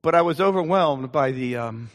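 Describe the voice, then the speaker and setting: The long reverb of a church hall carries an older pastor's animated voice, pitched on the high side and at normal speed. He preaches earnestly and conversationally in the sanctuary, stressing the scripture he reads.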